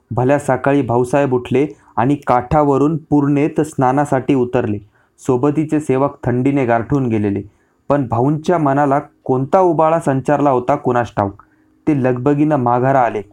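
A man narrating a historical novel as an audiobook in a measured, literary storytelling manner. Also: mid-range voice, darkish tone.

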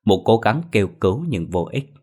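A man narrating a scripted ghost story in a measured, ominous way. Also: fairly low pitch, expressive, a little mellow.

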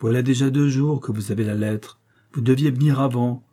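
A man playing an energetic, impatient detective who speaks in brisk, scolding exclamations. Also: mid-range voice, natural voice.

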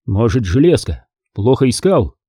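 A man reading an audiobook, voicing a calm, stubborn army captain who answers quietly and with restraint. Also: mid-range voice, moderate pace, husky, no room sound, studio quality.

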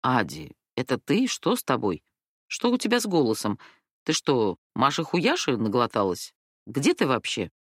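A woman reading an audiobook voices a calm, steady adult woman friend with a deep, well-trained chest voice. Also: moderate pace, husky, dry recording, clean studio sound, heavily acted. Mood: alarmed. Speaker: rehearsing performer.

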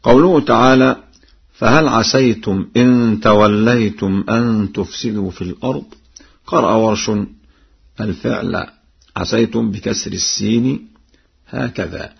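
A man teaching variant Quran readings on an archival radio broadcast. He explains each point, then chants the verse examples slowly. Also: fairly low pitch, vocal fry, breathy edge, lo-fi sound. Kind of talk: radio lesson on recitation variants.

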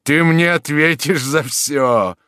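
A man's voice: medium pitch, a little slow, no echo, clean studio sound, voice pushed up, natural voice. A man reading an audiobook voices a grieving, angry marshal searching for his daughters. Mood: furious. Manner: anguished, shouting. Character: grieving middle-aged marshal, a proud angry father.

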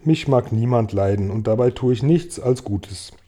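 A man's voice: medium pitch, normal speed, warm tone, slightly rough, lightly acted. A man voicing a sad, tidy female spider who sighs over being unloved, in an audiobook reading. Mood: mournful. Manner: sighing and mournful.

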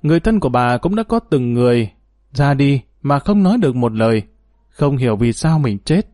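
Male storyteller and host, measured and formal, mid-range voice, dry recording. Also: mid-range voice, very animated, dark tone, no room sound. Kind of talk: scripted story narration.

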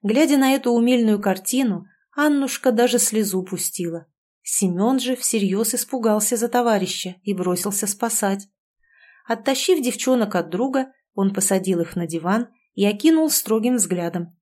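Woman, audiobook narrator, mid-range pitch, measured, expressive, scripted reading.

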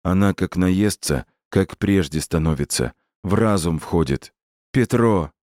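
A man's voice: low voice, expressive, a little slow, darkish tone, dry recording, studio quality. A man voicing an anxious village priest who pleads in a tearful, raised voice. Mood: pleading.

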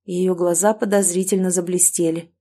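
A woman's voice: fairly low pitch, flat delivery, normal speed, dark tone. Woman reading an audiobook aloud. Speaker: audiobook narrator. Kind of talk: scripted audiobook narration.

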